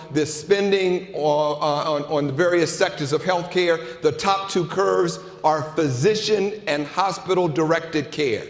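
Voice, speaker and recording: Emphatic keynote speaker in an echoey hall. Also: male voice, on the high side. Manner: emphatic, rhetorical, repeats phrases for effect. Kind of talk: conference keynote speech. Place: large conference hall. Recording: echoey hall, long reverb.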